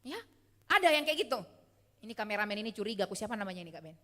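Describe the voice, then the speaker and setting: A woman's voice: medium pitch, sing-song, very fast, fairly bright tone. A woman preacher giving a chatty, teasing sermon, often asking the congregation for replies. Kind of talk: lively sermon. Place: church hall. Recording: hall reverb.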